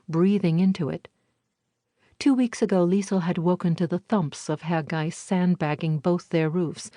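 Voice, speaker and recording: A woman reading a historical novel aloud in a measured, even storytelling manner. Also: lowish voice, no room sound, studio quality. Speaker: audiobook narrator. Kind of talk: scripted narration. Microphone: close studio mic.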